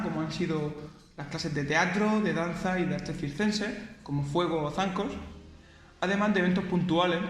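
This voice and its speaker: Fast-talking Spanish man, echoey room. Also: fairly high pitch, slight background noise. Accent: Spanish from Spain. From Spain. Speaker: volunteer photographer. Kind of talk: personal testimony.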